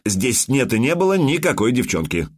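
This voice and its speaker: A man voicing a shrewd customs officer who speaks slowly and deliberately with a mocking edge. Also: medium pitch, very animated, slightly rough. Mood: sly. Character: shrewd male customs officer, sly and unhurried.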